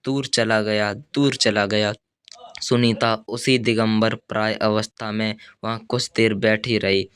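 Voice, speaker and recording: A man reads a literary novel aloud in a measured, even way. His voice sits low and stays flat in pitch, smooth and clear, recorded dry and close. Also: no echo. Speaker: audiobook narrator. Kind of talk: scripted narration.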